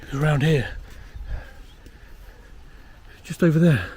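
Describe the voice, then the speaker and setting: A man's voice: fairly high pitch, lively intonation, rapid-fire, darkish tone, breathy edge, faint music behind. A British man acting as a boastful, uneasy amateur ghost hunter, rambling self-importantly to camera in a found-footage horror film. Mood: wary, alert. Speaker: paranormal investigator presenting a documentary.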